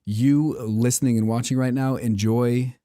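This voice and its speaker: A man co-hosting a casual chat about acting, talking in a playful, animated way and often repeating himself. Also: mid-range voice, normal speed, dry recording, clean studio sound. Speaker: co-host.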